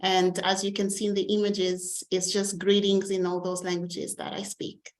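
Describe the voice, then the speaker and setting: A woman speaks as a panel presenter in a polite, measured way, her voice sitting in a middle range. The sound is roomy and echoey, picked up over a video call. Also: medium pitch, level tone. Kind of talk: webinar presentation. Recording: roomy echo.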